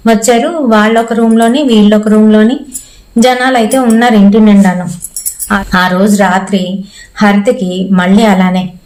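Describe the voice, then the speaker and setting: A woman's voice: medium pitch, steady tone, normal speed, a little mellow, rough recording. A woman with a Telugu accent telling a ghost story in a casual, conversational way. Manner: conversational, acts out quoted lines in her own voice. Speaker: horror story narrator.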